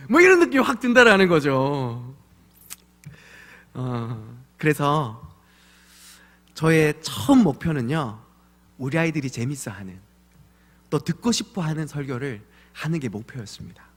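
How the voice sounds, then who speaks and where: A male pastor in his thirties giving an evening church sermon, telling animated stories and acting out voices of his children. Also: fairly high pitch, measured pace, pauses often. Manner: animated storytelling with acted voices of his kids. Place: church sanctuary. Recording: long church hall reverb.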